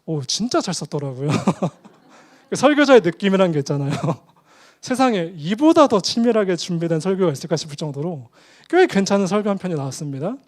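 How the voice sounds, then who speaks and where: A man preaching a sermon as pastor, telling a story in an animated way with acted quotes. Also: high voice, moderate pace.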